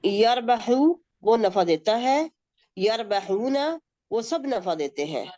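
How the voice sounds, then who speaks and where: A woman's voice: a little high, big pitch swings, mellow, dry recording, highs cut off. Woman, student, drill recitation, dry close sound. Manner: reads Arabic forms, each with its Urdu meaning. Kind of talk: reciting a verb table in class.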